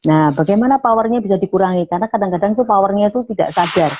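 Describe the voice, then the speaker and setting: A woman's voice: mid-range voice, fast talker, warm tone. A woman, a radio station manager, explaining public speaking in an online interview and acting out sample phrases. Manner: explains with frequent "nah", acts out sample phrases. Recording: muffled online call audio.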